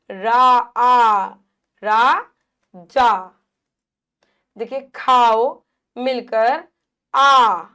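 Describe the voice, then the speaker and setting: High-pitched woman teaching slowly. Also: fairly bright tone, smooth. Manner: slow, drawn-out sounding of syllables, asking questions and answering them herself. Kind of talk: children's Hindi grammar lesson. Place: classroom. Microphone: device at a smart screen.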